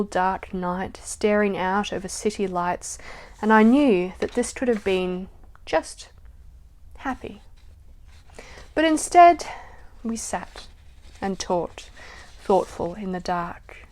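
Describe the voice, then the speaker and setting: A woman reading poems aloud slowly and softly, her voice trailing off at the ends of lines. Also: mid-range voice. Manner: slow, soft reading that trails off at line ends. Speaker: poetry reader. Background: soft acoustic guitar music.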